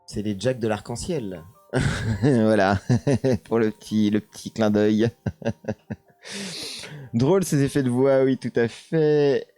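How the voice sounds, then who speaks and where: A man's voice: mid-range voice, slow, long pauses, warm tone, no room sound, faint music behind. A man with a French accent hosting a casual live stream, hesitant with many fillers, reading chat comments aloud and answering them.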